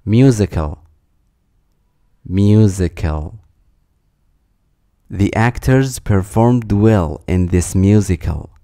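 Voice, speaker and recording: Reading a vocabulary list very slowly and deliberately, a man with a low, mellow, expressive voice says each word twice and then an example sentence. The sound is dry and close, with no echo.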